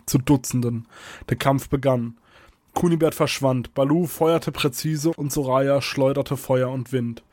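A man's voice: medium pitch, darkish tone, no room sound, clean studio sound. Man reading a fantasy story aloud. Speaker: narrator. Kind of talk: scripted storybook narration.

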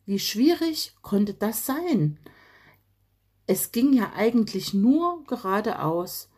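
A woman calmly reading a children's story aloud. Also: medium pitch, husky. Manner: calm, gentle reading.

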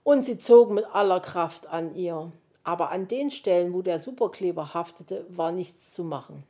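A woman reading a children's animal story aloud, narrating lively. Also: lowish voice, normal speed. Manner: lively narration, many voices.

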